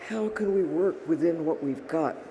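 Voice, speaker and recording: A man giving a podium speech, making an emphatic appeal in short, deliberate phrases. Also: on the high side, dark tone. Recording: clearly noisy live event recording.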